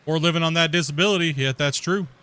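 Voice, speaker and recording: A man runs a gaming channel, chatting casually as he plays a mining game, rambling with plenty of fillers and restarts. His voice is a little high, quick and sharp, with a clear, resonant tone.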